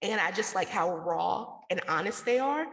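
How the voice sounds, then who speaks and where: A woman who founded a radio station and hosts a podcast answers interview questions in a candid, casual way, leaning heavily on "like" as she explains herself. Her mid-range voice is animated, creaky, and a bit bright, at a moderate pace. The room is echoey with long reverb.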